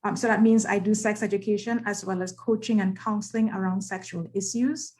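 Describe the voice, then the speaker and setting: A woman's voice: medium pitch, fairly even intonation, fairly quick, a little mellow. A woman from Tobago, a sexologist in private practice, introducing herself on a virtual panel. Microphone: video call.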